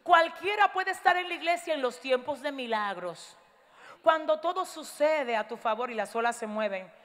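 A woman pastor giving a fiery sermon, dropping to a hush and then shouting, urging the congregation to repeat her lines. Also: high voice, expressive, moderate pace. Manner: swings from hushed to shouting, urges the crowd to repeat lines. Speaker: guest pastor. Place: large church hall. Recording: long reverb of a big hall.

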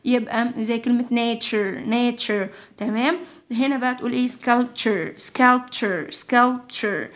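A woman's voice: on the high side, fairly even intonation, slow. A woman with an Egyptian Arabic accent teaching English vocabulary to children, repeating each word patiently several times.

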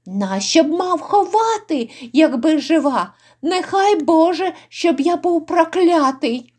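A woman's voice: very high-pitched, lively intonation, takes it slowly, darkish tone, pitched above the performer's own voice, full character voice. A woman voicing a frightened, cringing old male innkeeper who pleads and wails. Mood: pleading. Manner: pleading, wailing.

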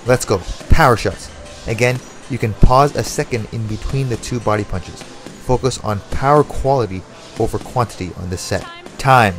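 A man's voice: medium pitch, moderate pace, fairly bright tone. A man working as a boxing coach, calling out combinations and timing cues in short, motivational commands. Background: music.

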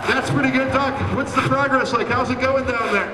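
A man working as a stage hypnotist and host, giving commanding, animated showman patter to a live audience. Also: very high voice, fairly quick, distant mic, very noisy. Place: large indoor stage venue. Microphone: handheld microphone through PA. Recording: echoey hall PA, loud music and crowd.

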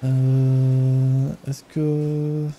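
A man's voice: mid-range voice, completely flat delivery, slow pace, mellow, dull audio, a little hiss or hum, natural voice. A man playing a polite Ukrainian immigrant taxi driver who speaks broken French with a put-on accent. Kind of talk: role-play in a game.

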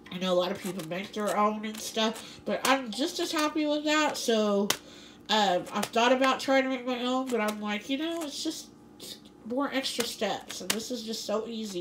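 A woman's voice: medium pitch, a little hiss or hum, rough recording. A woman narrating a casual grocery haul vlog from her kitchen, rambling with lots of fillers and laughter. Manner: chatty, rambling, laughs often, many fillers. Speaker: vlogger. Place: home kitchen.

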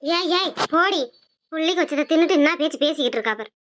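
A voice artist voicing a gruff, protective older father-in-law in a cartoon, scolding his wife and comforting his daughter-in-law. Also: high voice, animated, fast, fairly bright tone. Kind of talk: Tamil cartoon dubbing.

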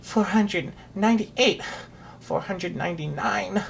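A reader voicing a tired old knight who counts quietly and wearily. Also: medium pitch, slow pace, vocal fry, slight background noise, voice pushed up. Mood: weary. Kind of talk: storybook read-aloud.

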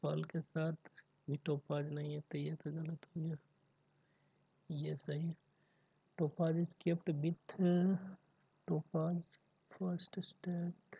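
A man, tutoring through mock exam puzzles, reading questions slowly and then rattling off solving steps in Hindi. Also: a little high, flat delivery, gravelly, husky. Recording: dry tinny phone-like audio.

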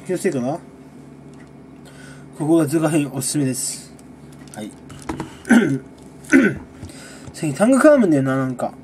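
A man who makes gaming videos, chatting casually through a monthly recap, relaxed and rambling with frequent chuckles between sips of a drink. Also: a little high, normal speed, pauses often, heavy background noise. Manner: talks while sipping a drink.

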